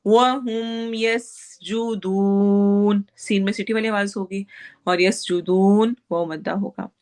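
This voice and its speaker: A woman teaching Quran recitation rules, reciting each phrase slowly and drawn out, then explaining the rule quickly in plain classroom speech. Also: medium pitch, steady tone. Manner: gives students homework and practice.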